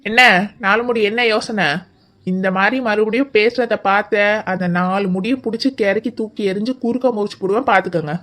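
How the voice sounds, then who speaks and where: A woman's voice: medium pitch, fairly quick, a little hiss or hum, lightly acted. A woman voicing a bossy, cheeky young village woman who talks brash and teasing in a cartoon comedy. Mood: threatening.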